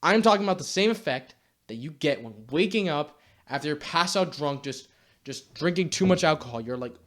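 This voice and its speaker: A man's voice: a little high, lively intonation, fairly quick, a bit bright. A young man delivering a blunt, exasperated rant to camera, swearing casually as he lectures viewers. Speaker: YouTube commentator.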